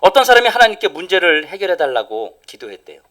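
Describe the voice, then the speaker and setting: A middle-aged male pastor preaching a sermon, swinging from loud emphatic lines down to near whispers. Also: sits high, very animated, brisk. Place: church sanctuary.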